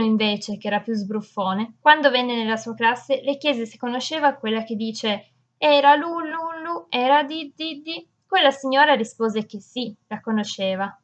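A woman narrating a children's storybook with an expressive, lively read-aloud manner and occasional slips. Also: a little high, moderate pace, few pauses. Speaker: audiobook narrator. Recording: dull lo-fi audiobook recording.

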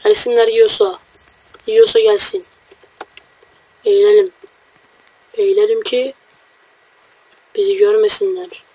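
A young man giving casual, joking let's-play commentary, brash and quick to swear at enemies while talking to his viewers. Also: high voice, steady tone, warm tone, slightly rough. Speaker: gamer.

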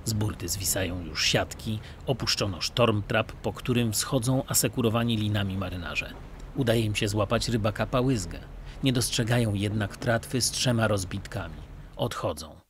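A man narrating a true maritime story in a measured, grave manner. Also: on the low side, slight background noise. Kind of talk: documentary narration.

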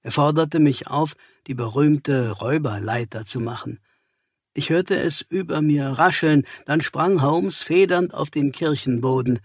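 Langsamer Hörbuchsprecher, leicht belegte, eher hohe Männerstimme. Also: male voice, fairly high pitch, a little slow, husky, no echo, clean studio sound. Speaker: audiobook narrator. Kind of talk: scripted first-person narration.

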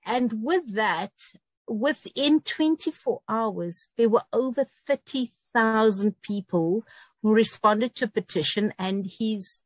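A woman's voice: on the high side, takes it slowly, dry recording, rough recording. South African woman panelist, earnest, dry video-call audio. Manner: earnest, with frequent ums. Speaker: whistle-blower panelist.

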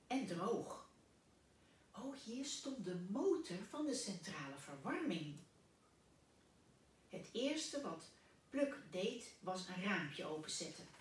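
A woman teacher reading a children's story aloud in an expressive, gentle storytelling manner. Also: medium pitch, a little hiss or hum. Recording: echoey room, distant mic.

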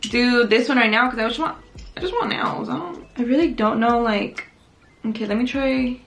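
Chatty high-voiced young woman vlogger. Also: normal speed, vocal fry, fairly bright tone, soft background music. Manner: chatty, filler-heavy, slangy, laughs easily. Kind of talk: casual get-ready-with-me vlog. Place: small pink bedroom indoors.

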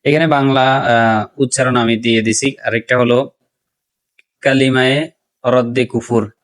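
A man teaching pronunciation, reciting phrases slowly and drawn out, then explaining common mistakes in plain talk and repeating words to correct them. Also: medium pitch, fairly even intonation. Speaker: religious teacher.

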